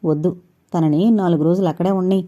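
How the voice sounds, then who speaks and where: Troubled young businessman voiced by a woman, low strained voice, mellow dark tone. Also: steady tone, quick pace, muffled recording, close to an everyday voice. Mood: subdued.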